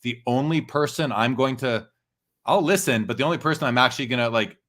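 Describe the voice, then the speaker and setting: A man's voice: medium pitch, fairly quick, fairly bright tone. A man casually discussing and explaining his views as a talkative, opinionated show commentator.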